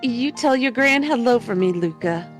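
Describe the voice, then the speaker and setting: Casting: woman playing doting older diner matron for a game, higher-set voice, motherly guilt-tripper, light music underneath. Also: animated, normal speed, natural voice. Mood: fond. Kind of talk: reading video game dialogue in character.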